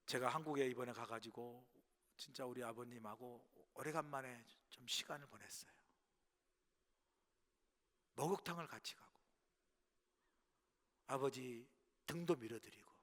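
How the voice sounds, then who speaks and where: A middle-aged man preaching a sermon as pastor, telling stories, dropping to hushed asides and rising to loud bursts. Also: medium pitch, normal speed, pauses often. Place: church sanctuary. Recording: long hall reverb.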